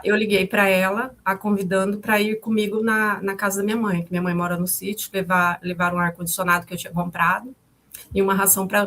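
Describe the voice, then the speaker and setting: A woman's voice: medium pitch, fairly bright tone. A woman in her fifties, the mother of the victim, recounting events in a testimony. She speaks hesitantly, repeats herself and restarts often, and calls her own way of talking harsh.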